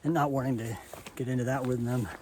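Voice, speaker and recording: A man's voice: mid-range voice, steady tone, a little mellow. Brief: winded male hiker, musing outdoor vlog, light background noise. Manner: musing, halting, thinks aloud. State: out of breath. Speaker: hiker vlogger. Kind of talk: reflective vlog while walking. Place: outdoor forest trail. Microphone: camera on a selfie stick, held at arm's length and farther.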